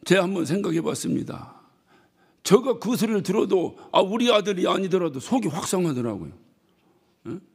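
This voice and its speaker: A male pastor preaching a sermon, telling stories about his congregation with lively acted-out quotes and bursts of shouting. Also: high-pitched, fairly quick, vocal fry, husky. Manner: animated storytelling, mimics congregants and shouts. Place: church hall. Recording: reverberant church hall.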